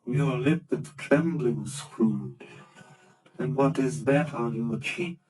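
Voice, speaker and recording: An actor playing a solemn spirit in a vintage radio drama, speaking gravely and asking probing questions. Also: male voice, mid-range voice, slow, darkish tone, lightly acted, poor audio. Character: solemn spirit guiding an old man.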